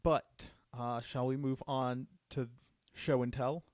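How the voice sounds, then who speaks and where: An upbeat man hosts a casual live stream, talking through card reveals with plain enthusiasm. His voice sits in an ordinary middle pitch, recorded close and dry with no room sound. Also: steady tone, slow, a little mellow, no room sound. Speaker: judge program host.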